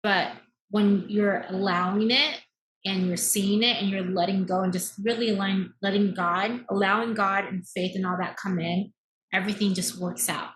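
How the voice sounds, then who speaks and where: Speaking at a normal speed with fairly even intonation, this thirty-nine-year-old mindset coach tells her story on a podcast in a medium-pitched, fairly bright voice. She was born in America, grew up in Taiwan, and talks earnestly and emphatically, often adding "right?". The audio quality is rough.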